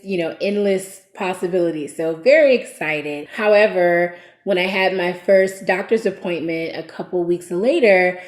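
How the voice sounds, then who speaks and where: A young adult woman speaking as a vlogger, talking to camera in an earnest, measured way. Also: on the low side. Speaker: vlogger sharing family news. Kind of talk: casual chat to camera. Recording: roomy echo.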